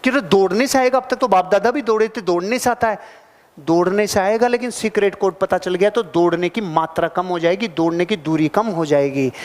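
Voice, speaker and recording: A man with a high voice gives a motivational talk to a seated crowd. He is animated and swings from loud bursts to low asides, often putting questions to his listeners. His voice rings with the long reverb of a big hall. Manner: addresses the audience directly with questions. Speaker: motivational speaker. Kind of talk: live motivational seminar talk. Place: large hall with a live audience.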